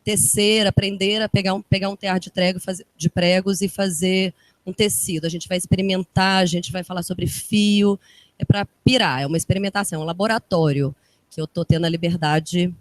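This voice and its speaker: This guest fashion designer from Minas Gerais, Brazil, has a Minas accent and a fairly low voice with fairly even intonation, heard with no echo. Speaking to a live audience in an event room, she chats casually and eagerly in quick bursts.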